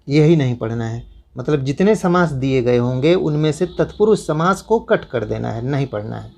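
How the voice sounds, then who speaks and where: A man's voice: fairly high pitch, darkish tone. A man teaching students, going through a school syllabus and telling them which chapters to cross out, in a repetitive, instructive way. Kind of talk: syllabus walkthrough lesson.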